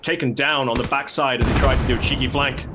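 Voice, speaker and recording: Excited male esports shoutcaster over game gunfire. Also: quick pace. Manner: animated, bursts into raised-pitch shouts at action. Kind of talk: excited live play-by-play game commentary. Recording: noisy, gunfire and clicks behind. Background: video game gunfire.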